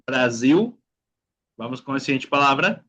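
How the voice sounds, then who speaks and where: A man's voice: mid-range voice, unhurried, sharp tone, highs cut off. A man teaching a beginner language class, drilling pronunciation, repeating words and checking in with "ok?". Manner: calls on students by name. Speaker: Portuguese teacher.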